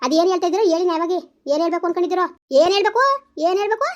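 A woman's voice: extremely high pitch, rapid-fire, highs cut off. A woman voicing a young village wife who sharply defends her husband. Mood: indignant. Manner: sharp, indignant questioning.

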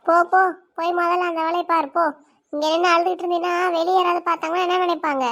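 A woman's voice: very high-pitched, little pitch movement, fast talker, fairly bright tone. A woman doing a bossy, scolding stepmother. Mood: impatient. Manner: curt, impatient orders. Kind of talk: cartoon voice acting.

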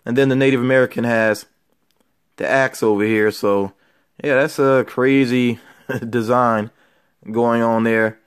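A man's voice: mid-range voice, steady tone, unhurried, pauses often, smooth. A man who vlogs about collectibles, talking casually as he shows things to viewers. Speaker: toy collecting vlogger. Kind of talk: casual show-and-tell chat. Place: indoor room with shelves of figures.

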